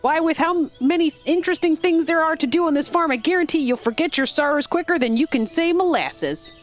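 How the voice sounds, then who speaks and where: A cheerful old grandmother from a farming game coos along in a high, sing-song voice, as a woman streamer reads her lines. She fusses over the grandchild and runs on with bright, bouncy pitch. Faint game music plays underneath. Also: lively intonation, fairly quick. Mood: cheery. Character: sweet, chatty old grandmother.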